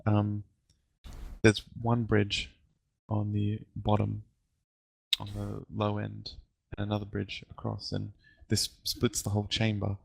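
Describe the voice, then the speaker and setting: A man narrating a tabletop game as dungeon master, with halting, filler-filled description. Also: fairly low pitch, completely flat delivery, gravelly, slight background noise, poor audio.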